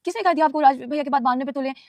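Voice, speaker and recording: A young woman talks quickly in a high voice, firing off her words in a heated rush. She is on a live stream, defending herself and answering her viewers one after another. The sound is close and dry, with no room around it. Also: a little mellow, no room sound. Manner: rapid, heated and defensive, addressing chat directly. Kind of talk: emotional live-stream talk.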